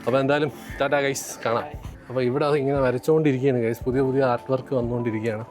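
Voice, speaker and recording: A man with a Kerala accent talks quickly in a casual vlog style. He slips freely between Malayalam and English as he addresses his viewers. Music plays behind his voice. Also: medium pitch, steady tone. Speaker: vlogger.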